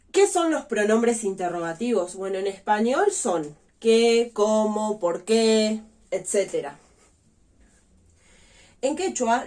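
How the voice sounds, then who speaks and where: A woman's voice: medium pitch, a little mellow. Patient woman teaching a language lesson. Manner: patient, explains step by step, stresses example words. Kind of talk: recorded online lesson.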